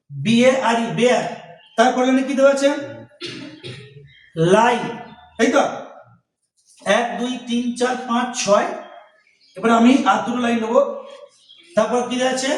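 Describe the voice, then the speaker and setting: A very high-voiced male teacher with a Bengali accent walks through a lesson, putting questions to the class and then answering them himself. He sounds set back from the mic in an echoey room. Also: distant mic. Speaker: English teacher. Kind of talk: classroom lesson explaining rhyme scheme.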